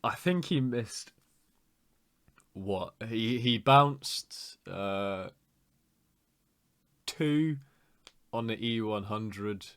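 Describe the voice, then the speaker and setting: A man giving excitable, stumbling commentary on a tank game replay. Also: lowish voice, drawn-out words, long pauses, clear, resonant tone. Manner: excitable, laughing, stumbles over words.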